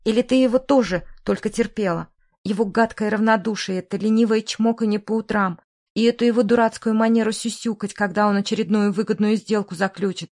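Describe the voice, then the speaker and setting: A woman's voice: fairly even intonation, a little fast, darkish tone, natural voice. A woman reading an audiobook, voicing a jealous, hysterical widow who shrieks, sneers and sobs at her rival. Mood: ranting. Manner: shrill, sneering, sobbing outbursts.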